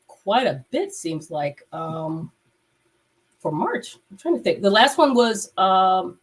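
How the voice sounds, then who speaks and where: Her mid-range voice is husky and stuffed up from a cold as she hosts a relaxed live stream. The woman, a veterinarian and podcast host, rambles with many fillers and restarts, picked up over a video call.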